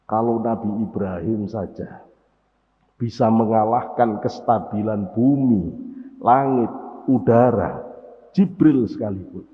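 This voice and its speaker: A male preacher, giving a morning sermon with dramatic storytelling that swings from loud to hushed. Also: fairly low pitch, slow pace. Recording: tinny lo-fi, long hall reverb.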